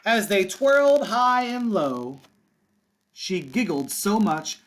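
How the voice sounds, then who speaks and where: Sitting high in pitch and very animated, a man's voice moves at a slow pace as he reads a children's picture book aloud in kindergarten-teacher fashion. His delivery is simple, sing-song, and encouraging for young children, with casual asides.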